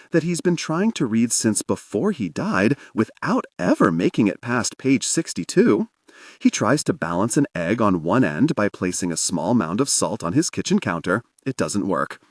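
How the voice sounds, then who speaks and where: A man narrating an audiobook in an expressive storytelling manner. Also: lowish voice, normal speed, no echo, studio quality.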